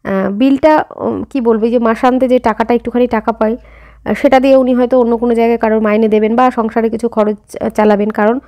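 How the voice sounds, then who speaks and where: Bengali woman vlogging her day, slight rural lilt, talks fast, kinda high voice. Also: fairly even intonation, darkish tone. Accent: Bengali with a slight rural Jessore-Khulna lilt. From India. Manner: chatty, addresses viewers directly, frequent fillers. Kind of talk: casual vlog narration. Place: home and outdoors while running errands.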